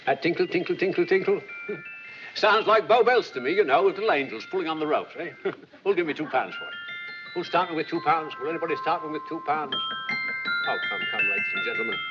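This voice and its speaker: Casting: male actor as hustling auctioneer, higher-pitched and very lively, theatrical patter, vintage film. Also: brisk, lightly acted. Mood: cajoling. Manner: theatrical sales patter, repetitive calls. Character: chatty, wheedling London auctioneer, male, hustling salesman. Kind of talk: 1940s film acting. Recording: muffled 1940s film soundtrack, music behind.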